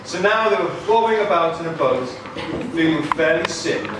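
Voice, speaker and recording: Narrating a scripted story for a live puppet show, this man speaks at a moderate pace with a fairly high, lively voice. He's far from the microphone in an echoey, noisy hall.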